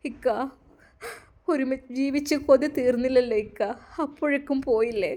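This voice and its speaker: A woman's voice: high voice, fairly even intonation, normal speed, warm tone, close to an everyday voice. A woman voicing a grieving young widow who pleads through sobs. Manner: sobbing, pleading.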